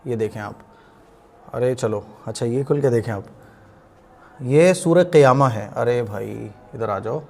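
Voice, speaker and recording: A man's voice: medium pitch, creaky, darkish tone. Patient man teaching Quran reading. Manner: patient, asks questions and answers them himself; draws out recited words slowly to demonstrate.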